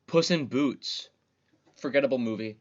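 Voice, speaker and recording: A young man co-hosting a casual chat, animated as he reads out movie titles. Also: mid-range voice, normal speed, muffled recording. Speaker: podcast co-host.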